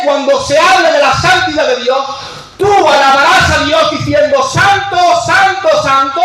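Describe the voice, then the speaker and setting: High-voiced man preaching in an echoing church. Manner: impassioned, swings from shouts to low intense tones; repeats key phrases for emphasis. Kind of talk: sermon. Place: church sanctuary. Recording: very echoey church hall.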